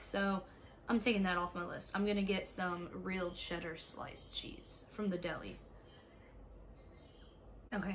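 A young woman with a raspy, stuffy voice from allergies, chatting casually to viewers in a home vlog, tired. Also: fairly low pitch, a little hiss or hum. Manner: chatty, talks to viewers while ordering online. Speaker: vlogger, mother. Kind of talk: casual day-in-the-life vlog. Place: home, indoors.

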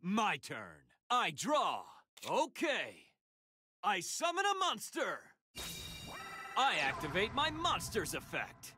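A man's voice: sits high, wildly swooping pitch, bright, forceful tone, husky, heavily acted. A man voicing a determined, hopeful young hero duelist in an anime card game, earnest and emphatic. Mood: focused. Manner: earnest, emphatic, slow deliberate battle declarations. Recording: game music behind the voice. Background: game music.

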